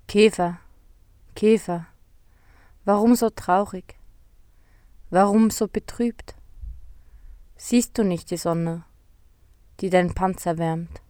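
Female storyteller, soft and reflective, unhurried, dry recording. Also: lowish voice, dry recording. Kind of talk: scripted story narration.

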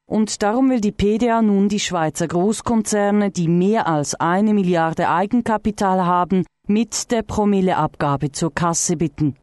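A woman reading a scripted radio news report in a measured, clear way. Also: medium pitch, a little mellow, no room sound, studio quality.

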